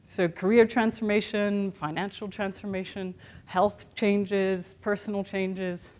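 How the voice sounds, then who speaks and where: A keynote speaker with a mixed international accent, born in the United States and raised in Europe and Asia, delivers a motivational talk in a hotel conference room. Her medium-pitched voice is level, unhurried and a little mellow. She speaks candidly and conversationally, peppering her talk with "sort of" and "you know."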